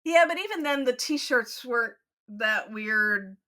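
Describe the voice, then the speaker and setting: A woman co-hosting a podcast in casual chat, agreeable and quick to laugh. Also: a little high, expressive, pushed and bright. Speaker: podcast co-host.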